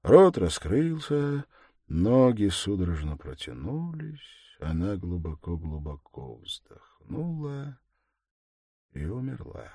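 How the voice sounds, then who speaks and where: A male narrator with a low voice reads a novel aloud in measured, grave tones, his delivery lively and rich with melody. The recording is close and dry, with no room sound. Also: no room sound. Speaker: audiobook reader. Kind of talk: dramatic audiobook narration.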